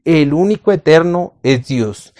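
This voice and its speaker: A man teaching a recorded Bible lesson to camera, speaking slowly and emphatically, asking questions and answering them himself, and addressing the listener as a friend. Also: a little high, expressive, darkish tone.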